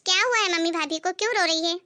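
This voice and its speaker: A woman's voice: extremely high pitch, fast, no room sound, studio quality. Woman doing an outspoken young married daughter. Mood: cheerful. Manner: lively, direct and insistent.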